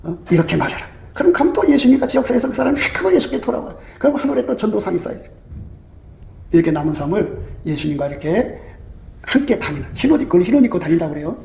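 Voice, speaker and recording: A man's voice: high-pitched, sing-song, quick pace, gravelly, a little mellow. A man preaching a sermon, emphatic, full of rhetorical questions and quoted voices. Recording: echoey room with faint ambient noise.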